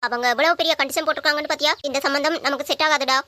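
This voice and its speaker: Woman playing a middle-aged mother, firm, questioning, protective, high voice, fast talk, amateur audio drama. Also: fairly even intonation, pushed and bright, no echo, clean studio sound.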